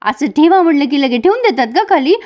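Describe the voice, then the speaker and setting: A teasing young wife coaxes and scolds her husband with a playful edge, her voice sitting fairly high. A woman reads her lines in her own voice while recapping a serial. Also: animated, fast, darkish tone.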